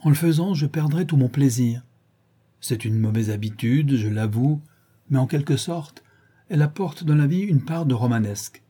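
Guy doing an earnest young painter, confiding, dark raspy voice. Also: medium pitch, lively intonation, moderate pace, pitched above the performer's own voice.

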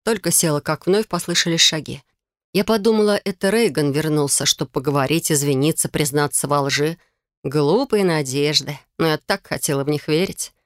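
A woman's voice: low-pitched, normal speed, no echo, clean studio sound. A woman narrating a novel in the first person, intimate and confessional. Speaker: audiobook narrator.

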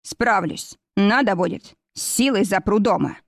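A polite, steady young man who keeps his phrases short and firm, voiced by a woman narrator in a storybook. the recording is dry and close. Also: medium pitch, a little slow, creaky, dry recording.

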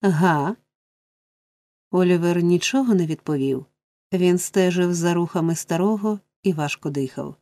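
A woman narrating a story in scripted, even storytelling. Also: on the low side, normal speed, no echo. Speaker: audiobook narrator.

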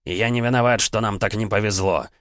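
A worn-out, gruff adventurer who talks bluntly and defends himself, as an audiobook narrator plays him. The voice sits deep and low. The sound is dry and close to the mic. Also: male voice, fairly even intonation, fast, no room sound, close to an everyday voice. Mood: defensive.

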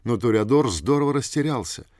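Man reading a novel aloud, measured. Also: mid-range voice, animated, darkish tone, dry recording, studio quality. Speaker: audiobook reader. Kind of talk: scripted narration.

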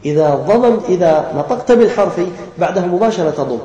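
A man from Algeria teaching Quran recitation rules to a class. He explains slowly, chants the example words and quizzes his students. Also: high voice, animated, warm tone, roomy sound, highs cut off.

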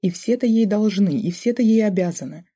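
An audiobook narrator voicing an indignant, scolding middle-aged mother, with a raised and exasperated delivery and a mellow tone. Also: medium pitch, brisk, pitched above the performer's own voice, lightly acted.

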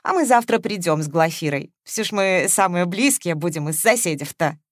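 A woman's voice: fairly low pitch, lively intonation, moderate pace, no echo, close to an everyday voice. A spry old man next door chats in a folksy, gossipy way, voiced by a woman reading the story. He sounds friendly and talkative. The sound is close and dry. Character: chatty old male neighbor, spry.

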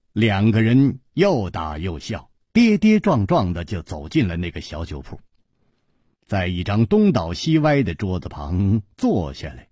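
A man's voice: measured pace, husky, no echo. A man telling a martial-arts tale in traditional storytelling style, with dramatic delivery into a close mic. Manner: dramatic, highly expressive delivery.

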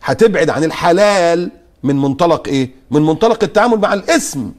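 Man, Egyptian accent, guest preacher, very fast talk, slightly high voice. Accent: Egyptian Arabic. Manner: lively, mock-quotes opponents. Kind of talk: animated religious talk-show commentary.

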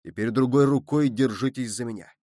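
A man voicing a noble, merciful count who speaks in a low, soft and solemn way. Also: fairly quick, no echo, clean studio sound, natural voice. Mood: calm. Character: noble older male count, grave and merciful.

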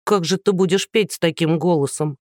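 A man's voice: a little high, a little fast, dry recording, studio quality, natural voice. A man reading an audiobook voices a chatty, nervous young blonde woman waiting at an audition. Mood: curious.

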